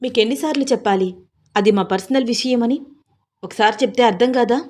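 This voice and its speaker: A woman's voice: a little high, a little fast, a little mellow, close to an everyday voice. A woman storyteller voicing an irritated young wife who answers curtly. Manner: irritated, curt.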